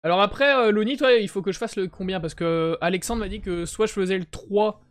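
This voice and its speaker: A man's voice: high voice, fairly quick. A young man with a French accent chatting casually and joking with viewers as a live streamer. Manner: joking, greets chat viewers, self-mocking. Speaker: Twitch streamer.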